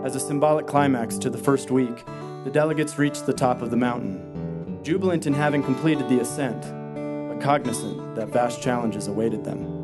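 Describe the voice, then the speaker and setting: Man, documentary narrator, measured formal delivery, mid-pitched voice, loud guitar behind. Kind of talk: scripted narration. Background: loud guitar music.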